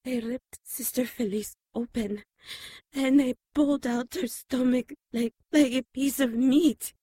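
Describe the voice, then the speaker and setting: A woman playing a shaken but caring, gently reproving nun in an audio drama. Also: high voice, a little slow, breathy edge, no room sound, clean studio sound.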